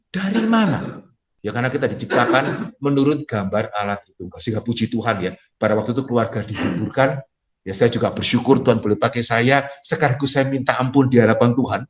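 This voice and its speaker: A middle-aged male pastor from Indonesia giving a sermon in a conversational way, with frequent tag questions and playful acted-out quotes. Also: fairly high pitch. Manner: lively, acts out quoted dialogue with jokes; conversational preaching with frequent "ya" tags.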